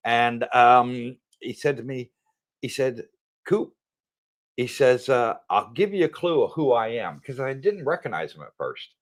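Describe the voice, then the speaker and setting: A man's voice: medium pitch, lively intonation, measured pace. A man from the United States co-hosting a casual livestream, chatting and telling stories with frequent laughs. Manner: chatty storyteller, laughs often. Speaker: livestream co-host.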